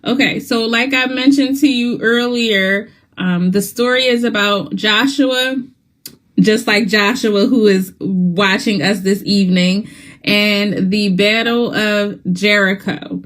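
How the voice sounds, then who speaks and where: A woman hosting a children's Bible club livestream in a casual, halting way, her mouth slightly numb from dental work. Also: medium pitch, steady tone, fairly bright tone. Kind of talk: casual livestream welcome to young viewers.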